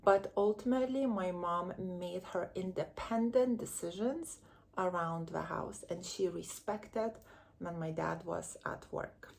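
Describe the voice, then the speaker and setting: A woman's voice: fairly low pitch, a little slow, gravelly. A woman speaks straight to her viewers as a relationship coach. She takes her time, sharing candid stories from her own upbringing in a chatty, earnest manner. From Lithuania. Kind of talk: direct-to-camera advice vlog.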